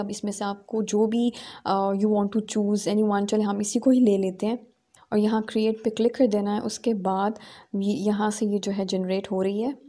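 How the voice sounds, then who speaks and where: A woman hosting a screen-recorded software tutorial, explaining each step with small fillers. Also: medium pitch. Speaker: tutorial host.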